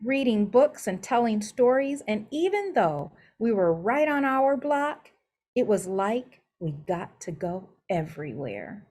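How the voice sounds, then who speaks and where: A shy young schoolgirl from a storybook , voiced by a woman, gathering courage as she speaks. The delivery is earnest and careful, taken slowly at a middle pitch. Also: big pitch swings, a little mellow. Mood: earnest, gaining confidence.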